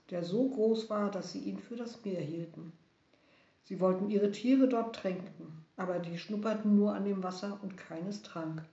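Woman, storyteller, children's story read aloud, expressive, roomy, dull recording. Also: fairly low pitch. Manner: lively, expressive reading.

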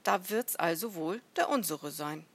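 A woman's voice: on the low side, animated, measured pace, dry recording. A woman voicing a young boy prince who calls out boldly but warily in a storybook reading. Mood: calling, wary. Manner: calls out loudly, challenging.

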